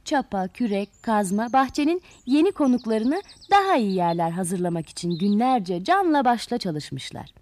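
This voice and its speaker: A woman narrating a children's fairy tale in an expressive way, speaking to the listening children. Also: on the high side. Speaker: storyteller.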